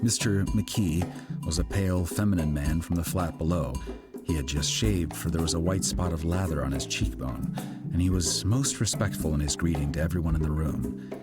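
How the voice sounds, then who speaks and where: Here a man with a deep voice reads literary fiction at normal speed, narrating the audiobook in a scripted storytelling manner. Background music runs under his narration.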